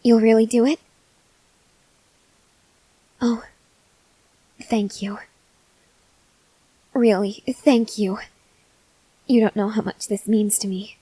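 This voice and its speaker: Playing a starving female vampire researcher, weary, earnest and gently pleading, a voice actor performs an ASMR roleplay monologue to the listener, sounding relieved and grateful. Acting weak and faint with hunger, she talks softly, slowly and haltingly with long pauses, often slipping into a whisper. Her voice is on the high side and fairly even, with a breathy edge, in a rough recording with no room sound.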